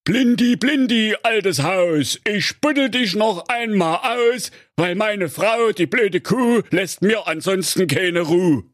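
A man's voice: sits high, expressive, slow pace, few pauses, no echo, studio quality, pitched above the performer's own voice. A man voicing a good-natured, henpecked digger driver in a spoofed fairy tale. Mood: chanting. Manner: weary, grumbling, placating.

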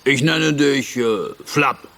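A man voicing a big, good-natured male bear who talks slowly and rambles. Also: mid-range voice, fairly bright tone, voice pushed up. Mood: kindly.

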